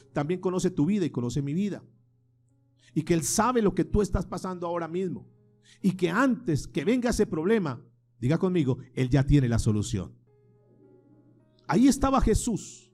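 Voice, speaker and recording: Male pastor, high voice, preaching with call-and-response, soft music underneath. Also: lively intonation, moderate pace. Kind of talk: sermon.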